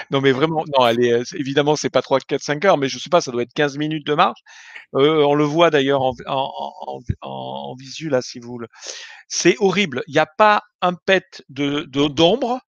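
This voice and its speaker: A man's voice: a little high, moderate pace, no room sound, highs cut off. A man chatting casually as a guest on a live stream, hesitant and full of fillers and restarts.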